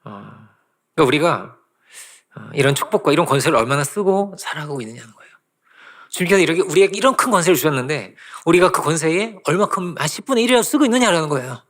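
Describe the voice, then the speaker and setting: A man preaching a sermon as a pastor in a church, telling stories in a lively way and acting out quotes, with laughs in between. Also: a little high, fast talker. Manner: animated storytelling with laughs and acted-out quotes. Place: church sanctuary.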